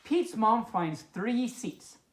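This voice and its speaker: A woman with a fairly high, animated voice speaks slowly while hosting a children's story time as a friendly pup. She reads a storybook expressively and adds playful, amused, chatty asides, in a roomy, echoing indoor space.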